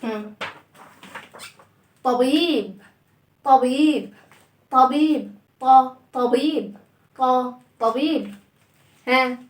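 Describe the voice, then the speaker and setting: A high-pitched woman with an Egyptian Arabic accent leads a phonics lesson for young children. She stretches syllables, repeats each word several times and coaxes the class along. Her voice rings out in an echoey room. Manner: animated, drawn-out syllables and repeated words. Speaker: children's reading teacher.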